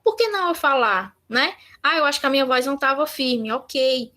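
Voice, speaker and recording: Brazilian woman instructor, high and bright, chatty teaching that slips into little acted dialogues. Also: expressive, moderate pace. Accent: Brazilian Portuguese. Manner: conversational, acts out sample dialogues. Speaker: workshop instructor. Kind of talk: online workshop talk.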